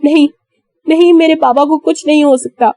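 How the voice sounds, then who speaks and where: A woman's voice: high-pitched, fairly bright tone, pitched above the performer's own voice. A screaming, grief-stricken young woman, as a narrator voices her. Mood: hysterical. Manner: crying, screaming.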